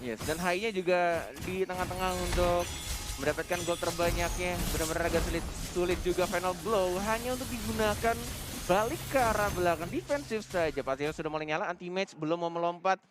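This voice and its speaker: Very high, fast male esports caster over music. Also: steady tone. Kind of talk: excited esports play-by-play commentary.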